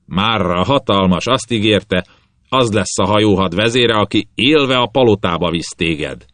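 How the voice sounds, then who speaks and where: A man's voice: fairly low pitch, animated, fairly bright tone, no room sound, pitched above the performer's own voice. A man voicing a cruel, blustering old sea captain. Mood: scornful. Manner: menacing, blustering, hisses threats. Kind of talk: audiobook character voice.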